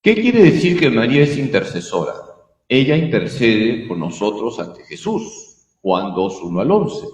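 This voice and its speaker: Priest lecturing with lively pitch in echoey hall. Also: male voice, measured pace. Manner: animated, rhetorical questions and answers. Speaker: priest teaching catechism. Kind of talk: catechism class lecture. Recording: echoey hall, long reverb.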